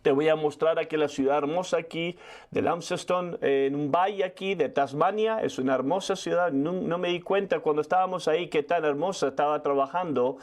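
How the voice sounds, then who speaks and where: A man in his sixties telling a story in a sermon as a preacher, quick and full of restarts. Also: fairly high pitch. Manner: fast storytelling with frequent restarts. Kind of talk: sermon testimony.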